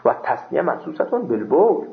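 A man's voice: fairly high pitch, big pitch swings, vocal fry. A man teaching a seminary class, reading Arabic text aloud and explaining it with questions and the odd joke. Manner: explains by question and answer, jokes with students. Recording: dull echoey classroom recording.

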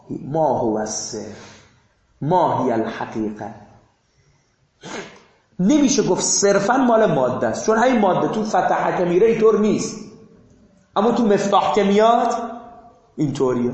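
Animated high-voiced man lecturing a class. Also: reverberant, rough recording. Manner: animated, swings between low asides and rising emphatic bursts. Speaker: seminary teacher.

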